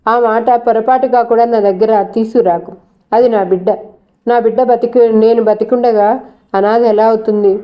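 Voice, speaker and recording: A woman's voice: on the high side, steady tone, moderate pace, lo-fi sound, natural voice. A woman voicing a fiercely protective young woman. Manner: sharp and firm.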